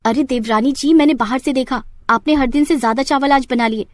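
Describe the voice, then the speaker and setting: A woman's voice: high voice, brisk, no room sound, clean studio sound, natural voice. A woman voicing a nosy, prying elder sister-in-law. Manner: prying, questioning.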